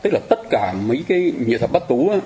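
A man teaching a casual Buddhist lesson, speaking to his listeners directly, wandering into asides and slowing down to chant mantras. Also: mid-range voice, big pitch swings, warm tone. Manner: chatty and digressive, addresses listeners directly, chants mantras slowly. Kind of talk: casual lecture on Buddhist star deities.

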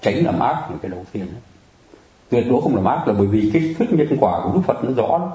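A man's voice: mid-range voice, very animated, quick pace, warm tone, roomy sound, poor audio. Man preaching. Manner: conversational, addresses the audience often, jokes and laughs. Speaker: Buddhist preacher. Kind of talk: dharma talk sermon.

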